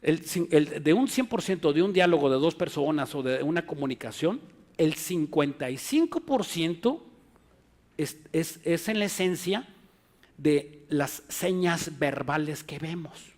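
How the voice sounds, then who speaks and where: Mexican male pastor, higher-pitched voice, animated sermon with many restarts. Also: a little slow. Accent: Mexican Spanish. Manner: animated preaching, acts out quoted voices; frequent restarts and filler words.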